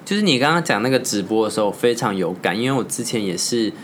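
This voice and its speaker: Very low-voiced woman co-host. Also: lively intonation. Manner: reactive, quick questions and laughs. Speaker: podcast co-host. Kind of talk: casual chat. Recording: faint background noise.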